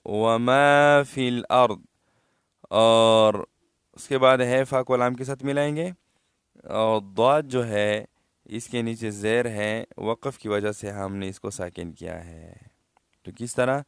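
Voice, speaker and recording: A man teaching Quran recitation rules, explaining patiently and then drawing out the words slowly to show how they should sound. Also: lowish voice, steady tone, clear, resonant tone, dry recording, clean studio sound.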